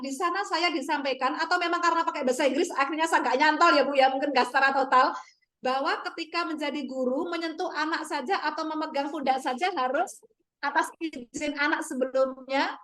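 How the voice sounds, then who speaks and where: A woman teacher talks through her classroom experiences in a relaxed webinar. Her voice sits high, and she keeps stopping to beg pardon and address her listeners politely. She tells her stories vividly, putting on the children's voices as she goes. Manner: apologetic, often begging pardon and addressing listeners as ma'am; storytelling, acts out her students' voices.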